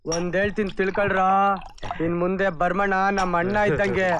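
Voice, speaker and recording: An actor playing a boastful young village strongman who talks loud and swaggering in film dialogue, on a noisy soundtrack. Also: sits high, level tone, fairly quick.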